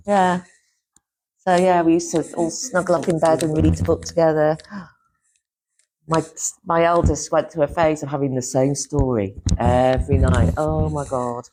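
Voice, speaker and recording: A middle-aged woman from Yorkshire, England, a former publisher and teacher, chats casually as an interview guest, rambling with frequent laughs and restarts. Her deep voice has fairly even intonation and a moderate pace, with background noise present.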